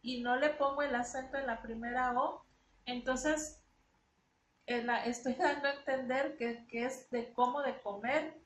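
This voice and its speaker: A woman's voice: high-pitched, steady tone, unhurried, echoey room, a little hiss or hum. A woman teaching a grammar lesson, explaining patiently and repeating words as she goes.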